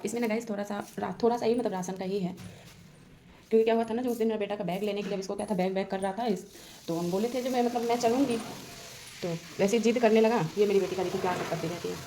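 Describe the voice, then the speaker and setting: A young woman talking through her household chores in a casual daily vlog, rambling, speaking softly and holding the phone herself. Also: medium pitch, fairly even intonation, fast talker, recorded from a distance. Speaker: vlogger. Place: home kitchen. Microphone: handheld phone. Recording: echoey room with household noise.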